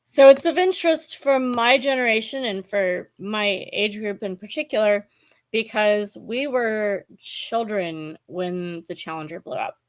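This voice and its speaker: Slow, hesitant woman in her forties. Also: medium pitch. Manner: hesitant, musing, many ums. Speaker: book vlogger. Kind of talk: casual book chat to camera.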